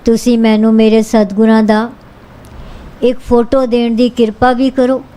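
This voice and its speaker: A woman's voice: a little high, level tone, moderate pace, warm tone, close to an everyday voice, rough recording. A woman reading the lines of a humble, grateful man healed of lame legs, in an earnest, pleading way.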